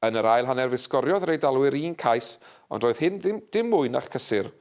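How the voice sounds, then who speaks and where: A man reads a local news bulletin in a measured, scripted way. His voice sits at an ordinary middle pitch, and the delivery stays steady and even from one item to the next. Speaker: news presenter.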